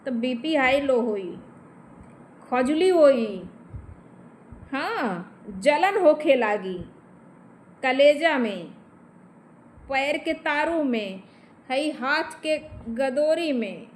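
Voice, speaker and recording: A woman with a high voice and a Bhojpuri accent talks straight into the camera, confrontational and emphatic. She speaks to an absent man and keeps checking with short tag questions. There is a faint background hum. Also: expressive, very slow, long pauses. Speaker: vlogger. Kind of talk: direct-to-camera vent.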